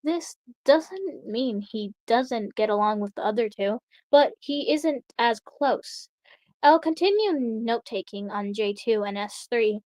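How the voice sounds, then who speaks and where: A woman's voice: fairly high pitch, lively intonation, a little slow, a little mellow, dry recording. Woman reading as a clinical experimenter. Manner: matter-of-fact, clinical. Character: calm clinical female experimenter writing logs.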